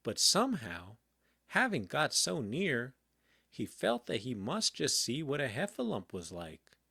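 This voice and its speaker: A man reading a children's storybook aloud in a calm, gentle bedtime manner. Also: mid-range voice, vocal fry, husky, dry recording, studio quality. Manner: slow, gentle, very expressive. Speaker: audiobook reader.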